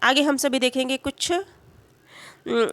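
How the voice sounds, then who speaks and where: A woman teaching grammar for exams, who explains slowly, poses questions and answers them herself, and keeps checking in with her students. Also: sits high, fairly bright tone, dry recording. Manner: frequent "है ना" check-ins and "अ" fillers. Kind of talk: exam-prep grammar lesson.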